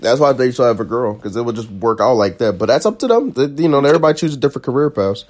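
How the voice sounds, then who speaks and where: Low-voiced, lively woman co-host. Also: fast. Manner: chatty, teasing, repeats herself. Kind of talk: casual celebrity news chat.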